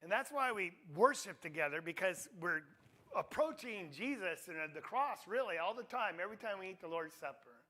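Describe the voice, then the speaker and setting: A man's voice: high-pitched, animated, moderate pace, pushed and bright. A man teaching a Bible class in a conversational way, often asking his listeners questions. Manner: conversational, asks the audience questions. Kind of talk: interactive Bible class sermon.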